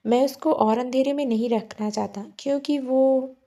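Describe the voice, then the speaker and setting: A woman voicing an earnest, gentle young husband in a spoken love story. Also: high-pitched, steady tone, moderate pace. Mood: earnest, tender. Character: young man, caring husband.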